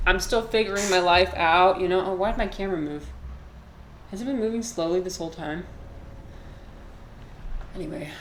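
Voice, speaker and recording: A woman in her twenties chats with her audience during a live video game stream, rambling, swearing openly, and fielding chat comments. She speaks on the low side at a moderate pace with long pauses, over slight background noise.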